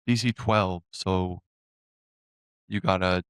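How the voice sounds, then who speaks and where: A man runs a tabletop game as game master, taking his time and dropping in frequent "um"s. His voice sits low and comes through smooth and resonant, with a dry, close sound and no room around it. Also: fairly even intonation, no room sound. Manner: unhurried, with frequent "um" fillers.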